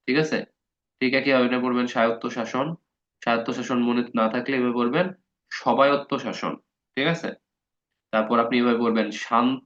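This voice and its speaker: A man's voice: medium pitch, a bit bright. Man teaching grammar in a dull recording. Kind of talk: casual spoken lesson.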